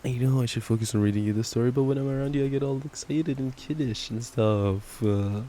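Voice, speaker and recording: This is a playful, affectionate ASMR boyfriend roleplay in which a young man reads a bedtime story, tripping over words and slipping in giggly asides. His medium-pitched voice is mellow and brisk. Ambient rain makes the track noisy.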